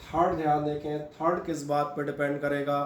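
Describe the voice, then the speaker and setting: A man's voice: on the high side, level tone, normal speed. A man teaching a physics class, explaining step by step and asking and answering his own questions. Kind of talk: classroom lecture, mixing Hindi and English. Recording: echoey room with faint hum.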